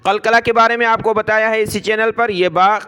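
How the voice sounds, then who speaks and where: A man with a Pakistani Urdu accent teaching Quran reading, spelling out words letter by letter and drawing them out slowly between brisker explanations. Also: high-pitched, steady tone, pushed and bright, clear, resonant tone.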